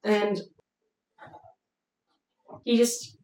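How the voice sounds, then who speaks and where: A woman retelling an opera plot in a chatty, casual way, with pauses and asides. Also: mid-range voice, level tone, dark tone. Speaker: storyteller summarizing an opera. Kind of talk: casual storytelling. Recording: roomy, mic at a distance.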